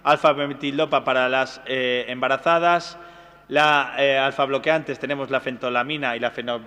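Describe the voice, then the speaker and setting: Male medical lecturer, brisk and instructive, in a reverberant hall. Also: mid-range voice, steady tone, bright, forceful tone, clean tone. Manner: brisk, checking in with listeners. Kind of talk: exam-prep medical lecture.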